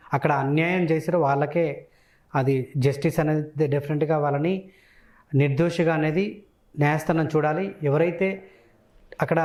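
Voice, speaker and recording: A male interviewer with a slightly raised voice and a brisk pace. He presses his guest with probing follow-up questions, keeping the conversation moving. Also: on the high side, a little mellow.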